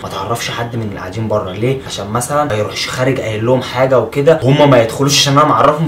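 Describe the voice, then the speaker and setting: A young man with an Egyptian accent, excitedly explaining a prank to his vlog audience. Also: mid-range voice. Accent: Egyptian Arabic. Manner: fast, hyped, addresses viewers as "guys". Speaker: vlogger. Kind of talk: excited vlog talk to camera. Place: bedroom at home. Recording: distant roomy mic with room noise.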